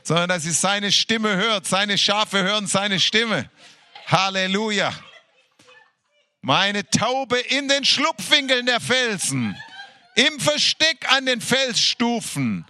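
A man with a high, bright voice leads worship, reading scripture slowly and ecstatically, drawing out each phrase and calling out hallelujahs between lines. He sounds fervent and exultant, and the recording is dry and close. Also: very animated. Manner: fervent, exclaiming hallelujahs, laughing between verses; slow, drawn-out delivery. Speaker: worship leader.

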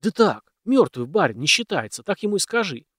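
A fretful old housekeeper woman speaks in a squeaky, higher voice, as a man reading a story plays her. She fusses anxiously over her husband and the house. Her pitch jumps about lively. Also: a little fast, breathy edge, dry recording, clean studio sound, heavily acted. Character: old female housekeeper, timid, fussing.

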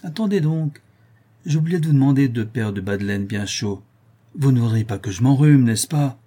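A man's voice: medium pitch, lively intonation, normal speed, dark tone, lightly acted. A man reading an audiobook and voicing a sardonic young male criminal who taunts and wheedles. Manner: taunting, sing-song and wheedling. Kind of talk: audiobook character voice.

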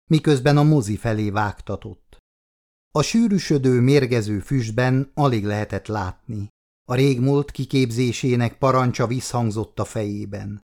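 Brief: male audiobook narrator, mid-pitched, measured delivery that slows for suspense. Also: a little mellow. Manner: measured, dramatic, slowing on tense phrases.

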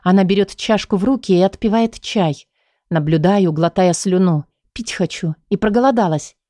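A woman's voice: mid-range voice, moderate pace, mellow, no room sound, clean studio sound. A woman narrating a first-person audiobook, emotively voicing the troubled heroine's thoughts and lines.

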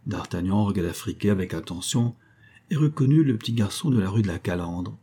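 Low husky male audiobook narrator. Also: expressive, a little fast, dark tone. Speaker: audiobook reader.

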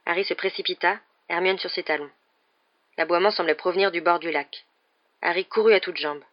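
An audiobook narrator reading a novel aloud in a steady, dramatic way. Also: medium pitch, brisk, muffled recording.

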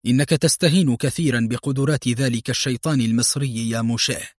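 A man voicing a stern male intelligence officer who gives sharp, commanding orders in an audiobook story. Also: mid-range voice, steady tone, fast talker, dry recording, studio quality, natural voice.

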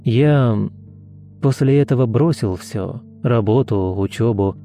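A man's voice: medium pitch, takes it slowly, mellow, soft background music, natural voice. A man reading a grim, curt hunter. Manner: terse and clipped. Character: hardened male hunter, grieving, curt.

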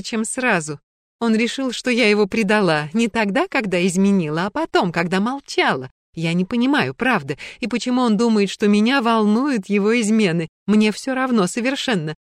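A woman reading a story, voicing a drunk middle-aged woman who weeps and pleads, rising to shrill cries. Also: no echo, studio quality.

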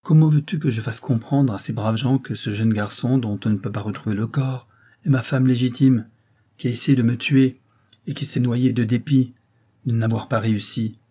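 A man's voice: mid-range voice, steady tone, normal speed, mellow, husky, natural voice. A man reading the part of a distraught young engineer, speaking in a pained, shaken way. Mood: pleading.

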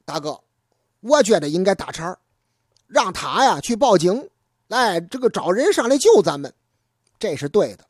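A storyteller voicing a sensible young man, the younger brother, calmly arguing for calling for help. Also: medium pitch, moderate pace, long pauses, no room sound, studio quality. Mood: reasoning.

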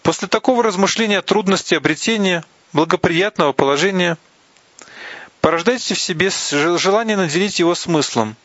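A man giving a slow, deliberate reading of a religious text, pausing between phrases and sometimes restarting a word. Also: high voice, fairly bright tone, no echo. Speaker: reader of Buddhist teachings. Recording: dull, lo-fi, dry recording.

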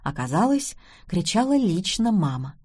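A woman's voice: lowish voice, sing-song, moderate pace, dark tone, husky. A middle-aged woman narrating a family story in first person, with wry, dry humour.

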